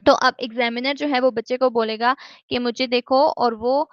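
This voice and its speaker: A woman's voice: a little high, fairly even intonation, normal speed, no room sound. A woman giving a recorded lecture. She explains step by step, mixes in English terms and keeps checking with "theek hai?". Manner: mixes English terms into Hindi-Urdu speech. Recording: dull, dry lo-fi recording.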